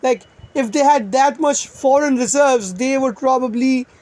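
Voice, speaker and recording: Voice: sits high, a little slow, darkish tone, dry recording. A young adult from India, ranting in a profane, sarcastic and rambling commentary vlog. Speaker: online commentator.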